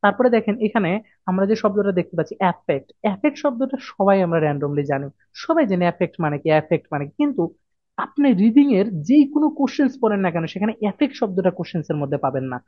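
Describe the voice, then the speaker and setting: Brief: male teacher, rapid delivery, repetitive, asks then answers his own questions; dull dry lo-fi sound. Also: sits high, sing-song, dry recording. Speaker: IELTS vocabulary teacher. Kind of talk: explaining a lesson to students.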